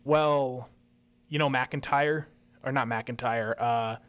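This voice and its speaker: A man's voice: medium pitch, steady tone, takes it slowly, a bit bright, smooth. A young man co-hosting a casual sports talk show, joking and often restarting his sentences. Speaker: co-host.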